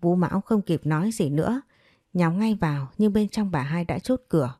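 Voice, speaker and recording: A woman narrating a story in a steady, measured way. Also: lowish voice, dry recording, studio quality. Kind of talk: scripted narration.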